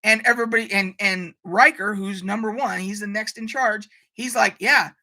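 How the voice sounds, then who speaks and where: A woman's voice: mid-range voice, fairly even intonation, moderate pace, sharp tone. A woman hosting a casual live stream, ranting animatedly, swearing freely and reading out viewer comments. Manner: reads out viewer chat comments.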